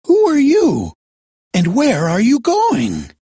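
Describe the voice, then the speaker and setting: A storyteller voicing a gentle, lonely man made of tin in a storybook, earnest, polite and plaintive. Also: high voice, huge pitch swings, slow, breathy edge, no echo, clean studio sound, pitched above the performer's own voice, heavily acted. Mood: grateful, curious.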